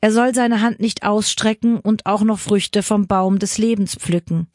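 A woman's voice: mid-range voice, steady tone, unhurried, darkish tone, no room sound, studio quality, close to an everyday voice. A woman reading the words of a stern God passing judgment, in a solemn, grave manner.

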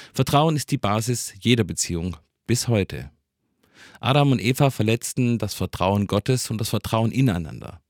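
A man giving a calm, reflective Christmas sermon. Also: lowish voice, no echo, studio quality. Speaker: preacher.

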